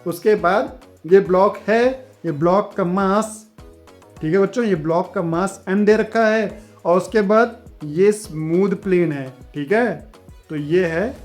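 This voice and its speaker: Man teaching physics, high-pitched and chatty, faint music underneath. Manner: chatty, keeps asking "theek hai bachchon"; reads the question aloud slowly. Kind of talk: online physics lesson.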